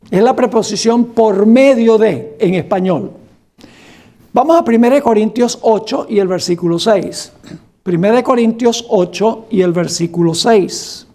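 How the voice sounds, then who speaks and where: A pastor whose voice sits high with a dark tone leads a Bible study, reading scripture aloud with emphasis. He goes slowly and deliberately, quizzing his congregation with questions.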